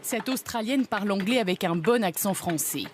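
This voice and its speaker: A woman reading a scripted TV news report in a measured, informative way. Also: medium pitch, lively intonation, slight background noise. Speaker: news narrator.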